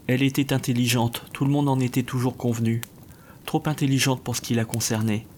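A man narrates a dark fantasy story aloud from a script, keeping a steady, measured delivery. His voice is medium-pitched, with slight background noise.

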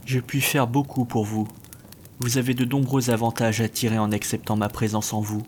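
A man reading aloud, voicing a contemptuous bodiless male spirit that speaks slowly and commandingly. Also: mid-range voice, flat delivery, a little mellow, slight background noise, close to an everyday voice. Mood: scornful. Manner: scornful, slow and commanding.

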